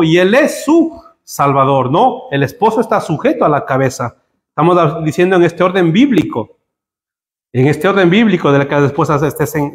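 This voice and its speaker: A man preaching a sermon to his congregation, joking with them and building to emphatic high peaks. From Spain. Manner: humorous, rising to emphatic peaks. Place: church hall. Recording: echoey church hall.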